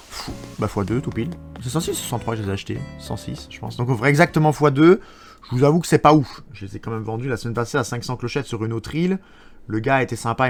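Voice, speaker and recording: A man with a Belgian French accent from Wallonia, chatting live with viewers while playing a game. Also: medium pitch. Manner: chatty, answers viewers, thinks aloud. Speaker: streamer.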